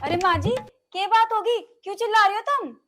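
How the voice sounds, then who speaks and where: An actress playing a teasing, sharp-tongued young village wife with a Haryanvi accent. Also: female voice, extremely high pitch, a little fast, faint music behind.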